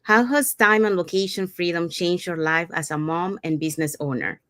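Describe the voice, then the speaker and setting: A woman's voice: on the low side, moderate pace, a bit bright, no echo. A woman reading out prepared interview questions in a plain way. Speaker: question reader.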